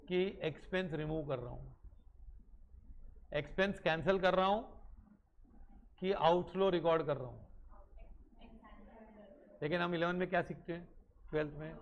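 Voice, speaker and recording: A man with a slightly high voice teaches a commerce class. He keeps asking his students questions and then answers them himself, and he slips English terms into his Hindi. The recording sounds dull and lo-fi. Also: a little hiss or hum. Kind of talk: classroom lecture.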